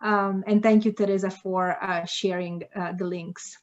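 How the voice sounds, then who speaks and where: A woman's voice: mid-range voice, fairly even intonation, a little slow. Brief: woman moderator on a call, slightly dull lo-fi sound, polite, filler-heavy. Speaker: moderator of an online dialogue. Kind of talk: moderating a video meeting. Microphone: video call.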